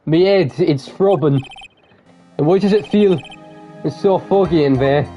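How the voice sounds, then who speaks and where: A man's voice: a little high, a little slow, mellow, highs cut off, soft background music, natural voice. A man voicing a flustered young male defense attorney with a put-on Irish accent, in a bewildered, raised manner. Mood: groggy.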